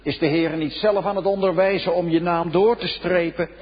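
A man preaching a solemn sermon, swinging between loud exclamations and hushed, low passages. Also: fairly even intonation, normal speed, a little hiss or hum. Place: church. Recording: dull lo-fi recording in a reverberant church.

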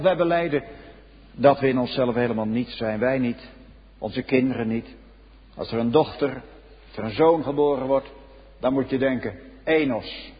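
Husky high-voiced preacher in a church. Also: male voice. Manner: solemn preaching, swinging between loud exclamations and hushed low passages. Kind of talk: sermon. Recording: dull lo-fi recording in a reverberant church.

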